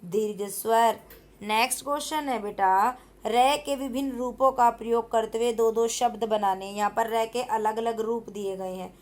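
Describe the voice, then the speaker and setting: Patient woman teacher, slightly high voice. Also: steady tone, moderate pace. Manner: patient, repeats points and asks pupils questions, calls them "beta". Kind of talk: explaining a school grammar exercise.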